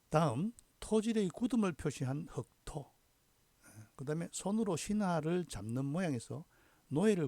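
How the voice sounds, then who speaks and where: Gravelly-voiced man teaching hanja. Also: mid-range voice, warm tone, no echo. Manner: slow, deliberate, punctuates with frequent affirming "ye". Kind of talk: recorded lecture.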